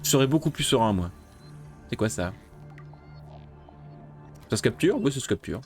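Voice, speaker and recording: A gameplay streamer gives casual let's-play commentary in a medium-pitched voice with big pitch swings at a moderate pace. He's jumpy, talks to the game's creatures, and yelps when startled, with faint music playing behind him.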